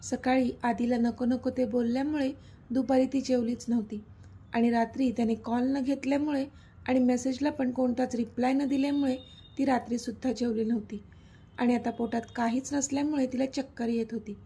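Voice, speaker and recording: A woman narrating a serialized romantic story in a steady, expressive reading. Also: a little high, moderate pace, vocal fry, husky.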